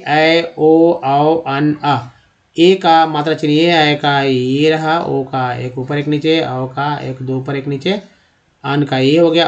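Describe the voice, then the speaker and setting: A man's voice: on the high side, lo-fi sound. A man with a slightly raised voice teaching a lesson. He explains step by step, repeating words and stretching out the sounds he wants learners to hear. His delivery is patient and methodical, like a tutor at a board. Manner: slow, repetitive explaining, drawing out sounds. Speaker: English teacher. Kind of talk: classroom-style spoken lesson.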